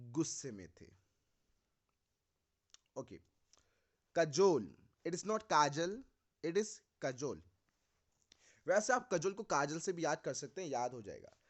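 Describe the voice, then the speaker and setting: Indian english guy teaching vocab for exams, slightly high voice, mixes hindi n english. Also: a bit bright. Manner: explains with memory tricks, mixing Hindi and English; asks the viewers questions and answers them himself. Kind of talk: exam-prep vocabulary lesson.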